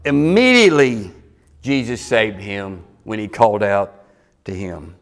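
A male pastor preaching a sermon, animated and acting out the scripture story. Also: on the low side, measured pace.

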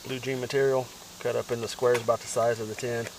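A man casually narrating his camp cooking outdoors in the woods, relaxed and plain-spoken, giving practical tips. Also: mid-range voice, fast talker, gravelly, a little hiss or hum. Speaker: outdoors vlogger.

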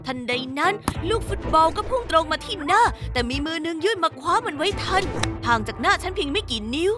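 A woman narrating a first-person animated story dub in a lively, chatty way. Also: extremely high pitch, fast, over music.

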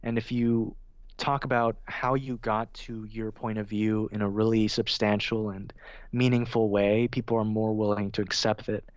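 A young man talking casually as an interview guest, full of "like" and "you know", and lively when he imitates his own narration delivery. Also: fairly low pitch, normal speed, smooth, dry recording. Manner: filler-heavy, says "like" and "you know" often. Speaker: guest, film video essayist. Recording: dull, lo-fi dry sound.

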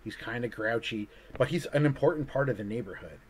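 A man's voice: mid-range voice, expressive, a little fast, a little hiss or hum. A man, an artist, chatting casually over a video call, rambling and hesitant with lots of fillers and restarts. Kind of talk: casual conversation.

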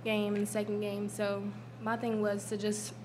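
A young woman basketball player answering hesitantly at a press conference, pausing with ums, into a table mic. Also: medium pitch, completely flat delivery, noisy background. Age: young adult.

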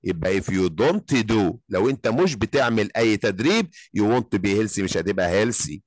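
A man with an Egyptian Arabic accent teaching an English lesson, drilling phrases slowly, then explaining quickly. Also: lowish voice, animated, no echo.

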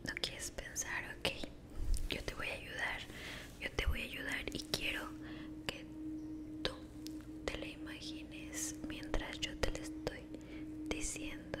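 Slow, whispering woman, soothing whispered role-play. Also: high-pitched, completely flat delivery. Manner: soothing, encouraging, slow, uses affectionate diminutives. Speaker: ASMR creator guiding the listener.

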